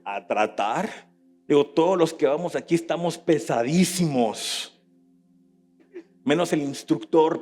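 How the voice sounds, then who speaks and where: A man with a Mexican Spanish accent, a pastor giving a sermon, who moves from quiet storytelling to loud preaching. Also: mid-range voice. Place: church hall. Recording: echoey hall with soft music.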